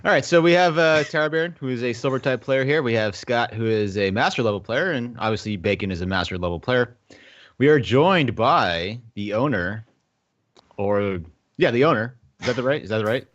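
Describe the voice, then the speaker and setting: A man hosting a podcast in a loose, jokey way with plenty of fillers. His voice sits in a middle pitch. The audio is muffled and lo-fi. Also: brisk, fairly bright tone. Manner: joking, loose, filler-heavy. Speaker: podcast host. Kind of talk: casual podcast chat.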